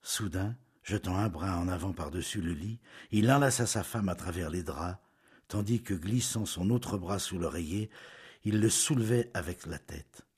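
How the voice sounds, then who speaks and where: A man reading a novel aloud in scripted narration, measured and intimate, often dropping to a hush. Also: sits low, slightly rough.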